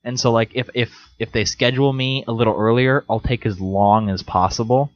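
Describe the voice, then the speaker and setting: A young man co-hosting a casual podcast, playful and joking, often laughing and jumping into silly high voices. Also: steady tone, a little fast, no echo. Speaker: podcast co-host. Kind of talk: casual chat. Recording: dull lo-fi sound.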